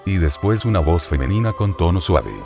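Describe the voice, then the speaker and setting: A man giving a slow, measured first-person narration of a visionary account, describing each detail deliberately. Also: sits low, expressive, over music.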